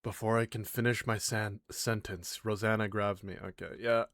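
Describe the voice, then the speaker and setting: A man's voice: fairly low pitch, flat delivery, moderate pace, fairly bright tone, no room sound, studio quality. A man reading a game story aloud, casually voicing the commander and narration. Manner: casual, plays the commander in his own voice.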